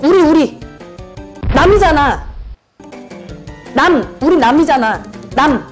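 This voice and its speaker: Woman, high voice, game clues, repetitive, animated. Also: slow pace, faint music behind. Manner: animated, repeats words over and over. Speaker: channel host. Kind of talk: describing clues in a party guessing game.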